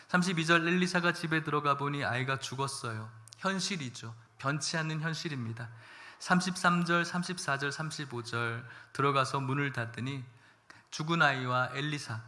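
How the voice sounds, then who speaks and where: A man's voice: on the high side, sharp tone. A man preaching a church sermon, reading scripture and then speaking with rising emotion. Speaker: pastor.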